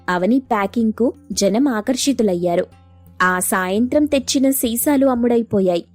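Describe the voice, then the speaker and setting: A woman narrating a family story in an even, storytelling manner. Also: a little high.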